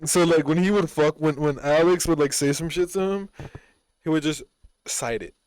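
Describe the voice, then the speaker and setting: A man's voice: a little high, moderate pace, a little mellow, clean tone, dry recording. A man co-hosting a podcast in casual chat, blunt and swearing freely. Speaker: podcast co-host.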